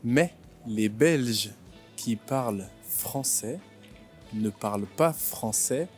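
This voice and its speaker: A man in his twenties from France, hosting a vlog and explaining things simply, with slow, clear speech that repeats and rephrases. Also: mid-range voice, lively intonation, faint music behind. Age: 20s. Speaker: vlog host and French teacher. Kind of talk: slow comprehensible-input vlog narration. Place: outdoors in a city.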